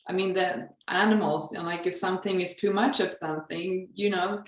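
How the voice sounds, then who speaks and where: A woman's voice: lowish voice, fairly even intonation, brisk, a little hiss or hum. Earnest woman from Sweden, echoey room. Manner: earnest, reflective, with light laughs. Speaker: guest. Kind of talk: casual conversation.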